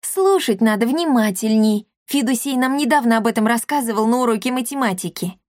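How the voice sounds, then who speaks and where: A woman's voice: fairly high pitch, fairly quick, darkish tone, no echo, voice pushed up, lightly acted. A cheeky orphan boy answers back with cocky mockery, as a woman reader puts him on. It is a storybook reading with a dry, close sound.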